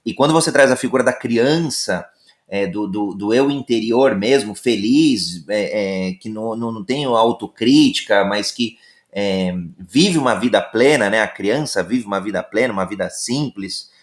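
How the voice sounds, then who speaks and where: A man's voice: on the low side, normal speed, reverberant. A man hosting a live-stream talk, speaking hesitantly with frequent "é" fillers and restarted phrases. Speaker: host.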